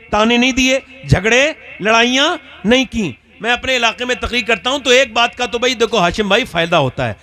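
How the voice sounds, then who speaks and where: A man's voice: very high-pitched, sharp tone. A man from northern India preaching a sermon, telling stories and quizzing his audience with rhetorical questions.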